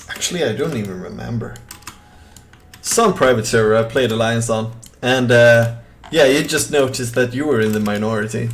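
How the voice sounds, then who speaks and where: This easygoing young game streamer from southern Sweden chats and rambles as he plays and reads chat, with a Swedish accent and plenty of fillers and restarts. His medium-pitched voice sounds creaky, and there's a little hiss or hum in the audio.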